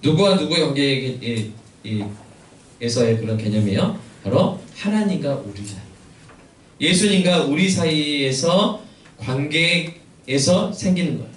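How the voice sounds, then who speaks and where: Pastor preaching in a big echoey hall. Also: male voice, a little high, expressive, a little slow, distant mic, a little hiss or hum. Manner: asks the congregation questions and answers them himself. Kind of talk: sermon. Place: church sanctuary. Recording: echoey church hall, mic from afar.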